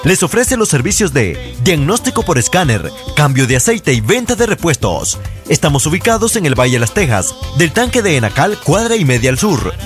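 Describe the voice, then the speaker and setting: An animated male announcer reading a radio commercial in a fairly high voice. Light music plays behind him. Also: moderate pace.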